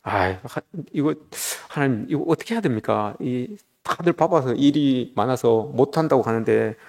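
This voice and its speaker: A man's voice: mid-range voice, lively intonation, normal speed, creaky, a little mellow. A man voicing an earnest, questioning country pastor in a sermon story. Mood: perplexed.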